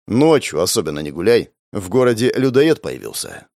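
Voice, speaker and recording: A man's voice: fairly low pitch, sing-song, normal speed, creaky, darkish tone, no room sound, studio quality. A man reading an audiobook, voicing a wary, cryptic man who gives terse warnings. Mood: guarded.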